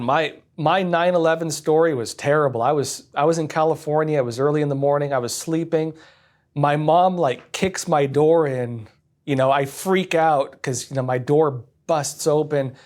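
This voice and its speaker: A man's voice: fairly high pitch, darkish tone. A man in his thirties hosting a livestream, giving candid, opinionated political commentary straight to his viewers. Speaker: livestream host. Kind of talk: casual political commentary to a live chat.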